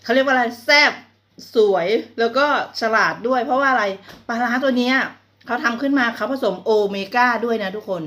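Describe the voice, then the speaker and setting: A woman's voice: fairly high pitch, fairly quick, a bit bright. A woman with a northeastern Thai Isan accent chats casually to viewers as a food vlogger, chewing and humming appreciatively as she talks. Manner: chewing and savoring food while talking, with appreciative hums. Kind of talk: casual mukbang chat to viewers.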